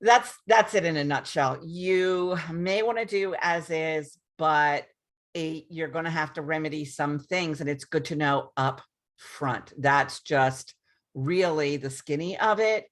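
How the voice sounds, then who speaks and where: A deep-voiced woman realtor speaks at a measured pace in a casual explainer for her viewers, recorded via screen share. She's chatty and repetitive, frequently stopping to start over and saying um a lot.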